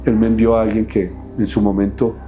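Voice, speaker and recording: A middle-aged man, recounting his past as an interview guest in a halting, emotional way with many restarts. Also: on the low side, little pitch movement, noisy background. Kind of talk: personal testimony in an interview.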